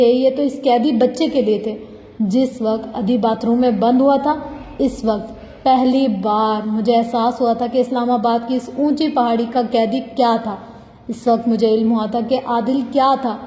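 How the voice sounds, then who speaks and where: A woman narrates a novel in the first person with intense, heartfelt delivery. Her voice is fairly high and mellow. The recording rings with a long, roomy reverb. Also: fairly even intonation. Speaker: audiobook narrator. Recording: echoey room with long reverb.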